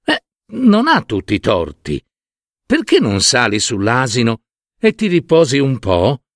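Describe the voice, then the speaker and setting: A man's voice: mid-range voice, huge pitch swings, unhurried, no echo, studio quality. A man doing an eager young son. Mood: coaxing. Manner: questioning, coaxing.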